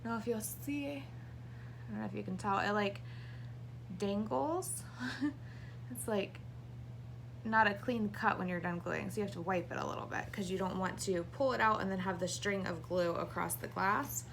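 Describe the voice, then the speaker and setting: A woman's voice: medium pitch, normal speed, vocal fry, fairly bright tone, a little hiss or hum. A woman in her thirties, heavily pregnant and short of breath, giving a casual hands-on craft tutorial to camera. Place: small indoor craft room.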